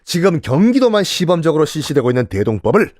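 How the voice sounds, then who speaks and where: A man's voice: big pitch swings, fast, darkish tone, no room sound, studio quality. A man voicing a blunt, outspoken old male royal minister who pleads urgently with his king. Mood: pleading. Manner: pleading, urgent, high-pitched.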